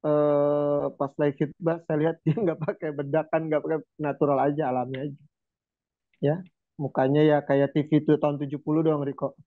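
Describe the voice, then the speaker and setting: A man preaching in a relaxed, chatty way, telling stories with lively turns and chanting verses slowly. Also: a little high, no room sound. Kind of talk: casual religious talk. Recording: tinny phone-like sound.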